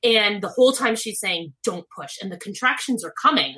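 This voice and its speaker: A woman's voice: mid-range voice, animated, normal speed, pushed and bright. A young woman telling a personal story in a casual, chatty way, often saying "like" and acting out her own past thoughts.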